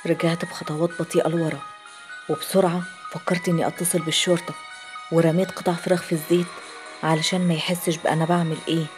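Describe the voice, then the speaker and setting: A woman with an Egyptian Arabic accent tells a first-person horror story from a script. She talks fast in a lowish voice. Loud music plays underneath the whole time. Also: little pitch movement.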